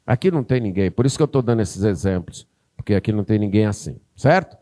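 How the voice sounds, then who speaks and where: A man's voice: on the low side, quick pace. Brazilian northeast pastor guy preaching, voice swings up and down a lot, does little voices for the examples. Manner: animated preaching, acts out parent and child in a raised voice. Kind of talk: sermon.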